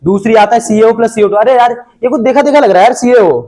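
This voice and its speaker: A man's voice: extremely high pitch, fast, dark tone. A man teaching a chemistry class to students, casual and joking, constantly asking whether they understood.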